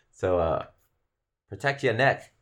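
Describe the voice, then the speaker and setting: A man co-hosting a casual podcast as a coach, easygoing and quick to laugh. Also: mid-range voice, fairly bright tone. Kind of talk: casual chat.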